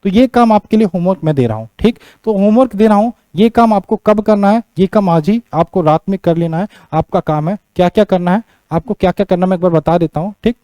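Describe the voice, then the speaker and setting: High-voiced male teacher giving a lecture. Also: quick pace, hardly any pauses, mellow, smooth, no echo. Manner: repeats key points, keeps checking in with "theek". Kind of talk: classroom lecture on geography.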